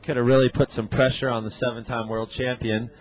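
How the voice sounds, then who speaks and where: Man, surf contest announcer, live sports commentary, medium pitch, conversational, casual surfer slang. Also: level tone, a little fast, rough recording.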